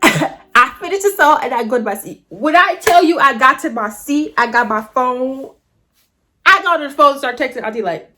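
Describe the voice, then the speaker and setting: A woman vlogger telling a story straight to her viewers in an animated, colloquial way. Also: high-pitched, normal speed, slight background noise. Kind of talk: casual storytelling to camera.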